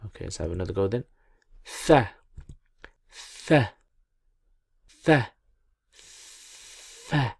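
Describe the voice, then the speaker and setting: A man teaching pronunciation in a call-and-repeat lesson, encouraging and deliberate as he repeats sounds for learners. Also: fairly low pitch, lively intonation, creaky, husky, no echo, clean studio sound. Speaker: Quran reading teacher.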